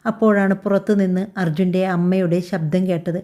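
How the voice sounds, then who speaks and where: A woman tells a scripted story in a calm, even way. Her voice sits low and sounds mellow and soft. She reads every part in that same steady narrating voice. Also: fairly quick. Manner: calm, even storytelling voice that also reads all the characters' lines.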